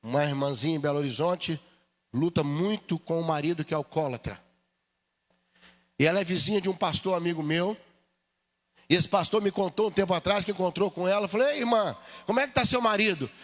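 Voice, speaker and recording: A high-pitched man with a Brazilian accent preaches a lively, humorous sermon, slipping into little voiced dialogues. His voice rings with long reverb in a church sanctuary. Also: fairly quick. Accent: Brazilian Portuguese. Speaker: pastor.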